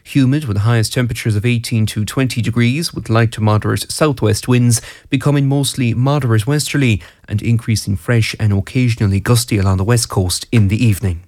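A man's voice: medium pitch, fairly even intonation, fairly quick, few pauses, a little mellow, no room sound, clean studio sound. An Irish man reading scripted weather and sports bulletins on the radio. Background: music bed.

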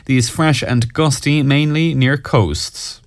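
A man's voice: medium pitch, fairly even intonation, slow pace, no echo, soft background music. An Irish man presenting scripted news headlines and weather on local radio. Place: radio studio.

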